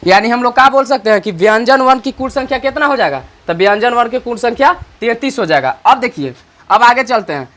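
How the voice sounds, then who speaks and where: In a very high-pitched, expressive, slightly bright voice, a man teaches grammar online. He goes over every point repeatedly and answers the questions he poses himself. As he writes, he dictates slowly.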